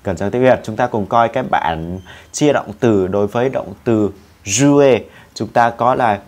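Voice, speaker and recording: A man gives an online French lesson at an unhurried, deliberate pace. He is patient and methodical, spelling out letters one by one and repeating conjugations aloud for his students. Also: on the low side, darkish tone. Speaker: French teacher.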